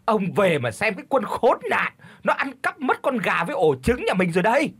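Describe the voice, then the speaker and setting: Man doing a raised, husky-voiced village shrew: loud curses, sing-song wailing, lively swings. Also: high-pitched, normal speed, pitched above the performer's own voice, heavily acted. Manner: screeching curses and wailing laments. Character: shrill foul-mouthed village wife.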